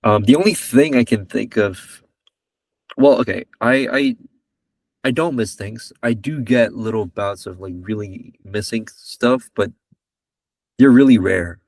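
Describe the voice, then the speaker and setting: A man's voice: mid-range voice, unhurried, creaky, darkish tone, no room sound, distant mic. A man in his twenties from Malaysia, a podcast guest chatting casually in a rambling, joking way that keeps correcting itself. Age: 20s. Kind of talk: casual chat.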